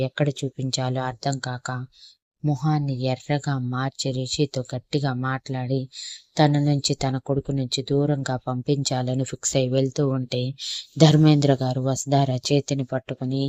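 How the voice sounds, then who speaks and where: A woman storyteller reading a romantic drama aloud at a slow, even pace. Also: extremely low pitch, dry recording. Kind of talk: read-aloud love story narration.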